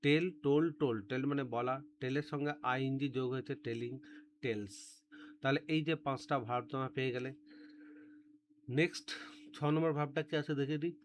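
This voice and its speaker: A male teacher gives a step-by-step, classroom-style grammar lesson, repeating words and spellings so students can drill them. His mid-range voice is steady and fairly quick, with frequent pauses. There's a slight hiss or hum.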